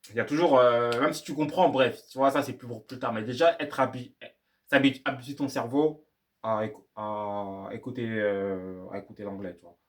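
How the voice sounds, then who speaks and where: A man's voice: medium pitch, fairly even intonation, normal speed. A young man talking casually to camera about learning English, rambling and repeating himself in slangy French. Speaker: YouTuber giving language-learning tips. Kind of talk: casual vlog monologue.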